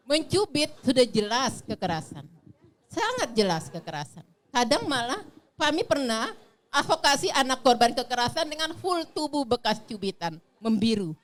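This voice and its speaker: A young woman giving a talk on child protection to an audience of mothers, lively and asking them questions. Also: high-pitched, moderate pace.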